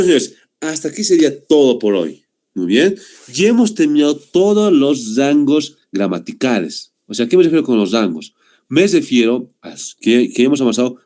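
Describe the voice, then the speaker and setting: This online class comes from a young man on a video call, his mid-range voice warm in tone. He explains patiently, checking in with "¿no?" after each point and repeating "muy bien."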